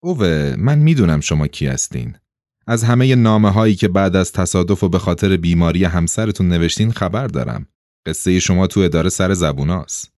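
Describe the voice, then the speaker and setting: A man doing a calm, unshakable official. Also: lowish voice, no room sound, clean studio sound. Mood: cool, firm. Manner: steady, unflustered, firm.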